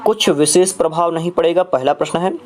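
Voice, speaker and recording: A man teaching an exam prep lesson with a voice pitched a little above the usual for a man. He walks through each question step by step and repeats it back. He hesitates on drawn-out filler sounds between phrases. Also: steady tone, darkish tone.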